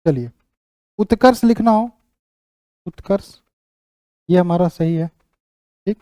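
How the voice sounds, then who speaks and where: A young male teacher runs an exam-prep lesson, saying each word again and again as he writes it out and checking in with his students. His voice sits high but mellow. The sound is dry, with no room echo. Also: takes it slowly. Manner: repeats words while writing them out, checks in with "ठीक".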